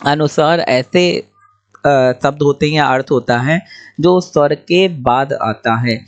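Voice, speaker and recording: A young man teaching exam questions, explaining each answer briskly and repeating key points. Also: fairly high pitch.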